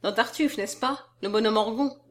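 An earnest, easily flustered young woman, voiced by a woman reading a novel. Her lines run a little higher and more anxious than the narration. It is a storybook part. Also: normal speed, natural voice. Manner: raised, anxious, indignant. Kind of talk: audiobook character voice.

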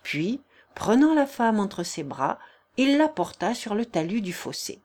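Expressive woman narrating a classic tale. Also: mid-range voice. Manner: measured, expressive storytelling. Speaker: audiobook narrator. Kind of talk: scripted narration of a classic novel.

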